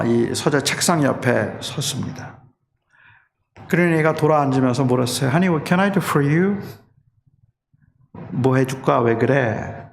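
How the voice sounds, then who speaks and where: A middle-aged man preaching a sermon as a pastor, telling a personal story and rising to impassioned shouting. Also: medium pitch, gravelly, slight background noise. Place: church sanctuary. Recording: echoey church hall with faint ambience.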